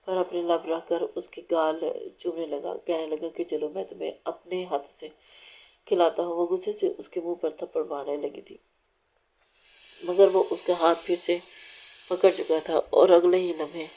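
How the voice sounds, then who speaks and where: A woman reading a romance novel aloud as audiobook narrator, steady and unhurried, with small restarts. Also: fairly low pitch. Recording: dull lo-fi recording.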